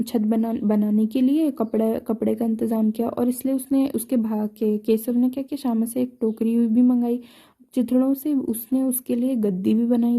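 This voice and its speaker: Dark-toned woman teacher explaining. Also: on the high side. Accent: Hindi. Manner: retells each line then explains it, many restarts and "ठीक है". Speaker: school teacher. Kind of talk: explaining a textbook story.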